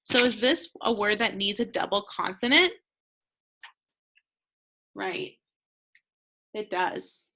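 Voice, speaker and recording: An American woman teaches a phonics lesson to second graders, speaking slowly and with a bright, crisp tone. She is patient and encouraging, leaving pauses for the children to answer. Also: medium pitch, expressive, a little hiss or hum.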